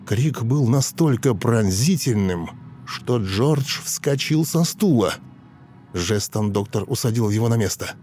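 A man narrating a dramatic audiobook in a measured, theatrical manner. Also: mid-range voice, expressive, a little hiss or hum. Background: soft music.

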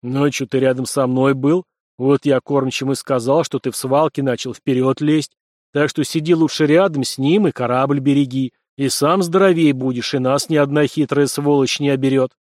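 A man voicing a gruff giant Norse warrior who talks bluntly, in a dry close recording. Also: medium pitch, steady tone, normal speed, darkish tone, dry recording, natural voice.

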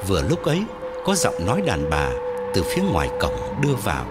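A man's voice: on the low side, huge pitch swings, a little fast. A man narrating a ghost story audiobook with dramatic, sweeping intonation. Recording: loud background music.

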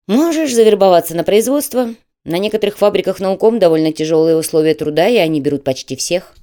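A woman voicing a stern middle-aged male admissions manager who talks in a brisk, official and mocking way. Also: on the low side, expressive, mellow, voice pushed up, natural voice.

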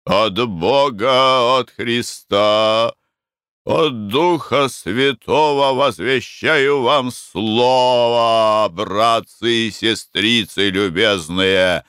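A man doing a solemn sect leader, very slow declaiming, resonant clear voice, dry studio sound, audiobook. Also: mid-range voice, a bit bright, no echo, voice pushed up.

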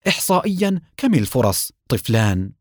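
A man voicing a gentle, worried father who speaks quietly and tries to reason and comfort. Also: mid-range voice, very animated, fairly quick, no echo, studio quality, lightly acted. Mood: soothing.

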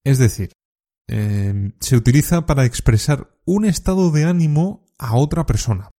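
A man gives a scripted lesson, explaining everyday expressions calmly and clearly. His voice is deeply dark and mellow, sitting at a medium pitch. He speaks at an even, measured teaching pace. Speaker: Spanish teacher.

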